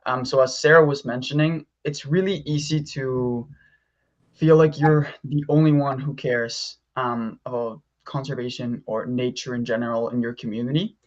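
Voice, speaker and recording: A man's voice: mid-range voice, fairly even intonation, normal speed, lo-fi sound. A young man from Mexico, a youth delegate, speaking earnestly with frequent ums over a video call. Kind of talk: online presentation.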